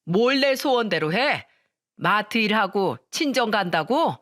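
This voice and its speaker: A woman's voice: mid-range voice, expressive, unhurried, a bit bright, no echo, studio quality. Woman voicing a harsh, scornful mother-in-law. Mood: mocking. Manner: contemptuous, insulting, bossy.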